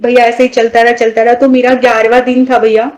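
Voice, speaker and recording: A woman's voice: on the high side, little pitch movement, a little fast, a little mellow, low-quality recording. A woman telling a personal story in casual conversation, rambling and restarting as she goes and often addressing the listener as brother. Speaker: devotee guest sharing a personal story.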